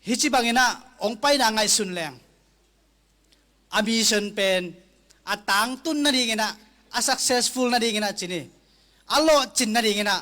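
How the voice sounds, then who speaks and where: A male preacher delivers a sermon at a very unhurried pace, weighing each phrase. His voice sits high for a man and has a bright, forward ring. He now and then rounds off a point with an amen. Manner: slow, deliberate preaching with frequent amens.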